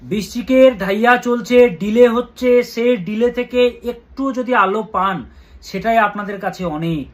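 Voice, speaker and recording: A man with a Bengali accent, an astrologer giving earnest weekly horoscope advice and slowly chanting mantras. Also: high-pitched.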